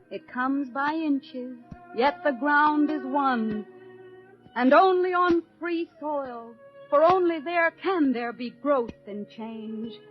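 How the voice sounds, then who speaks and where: In 1940s radio acting, an actress with an American accent plays a resolute American housewife and mother, delivering a dramatic, poetic monologue in solemn, measured, declamatory style. Her voice sits high, and the old radio broadcast sounds muffled, with faint music.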